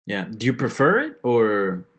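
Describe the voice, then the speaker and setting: A man working as a sports reporter, putting questions at a press conference in a halting way. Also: fairly low pitch, sing-song, a bit bright.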